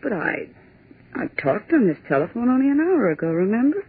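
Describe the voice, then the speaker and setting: This actress pitches her voice fairly high, sing-song and a bit rough, and plays it very broadly. Her character is a brash, sarcastic young typist in a 1940s radio drama, bossy and scoffing, quick with a comeback, heard over a tinny period broadcast.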